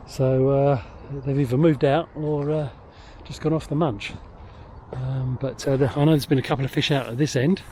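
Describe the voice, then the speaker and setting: A man talks outdoors by a lake, a little out of breath and halting, with plenty of ums and uhs between thoughts. His voice is warm and mellow, and a faint outdoor hiss runs under it. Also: mid-range voice, steady tone. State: slightly out of breath. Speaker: angler vlogger. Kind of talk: casual outdoor vlog commentary.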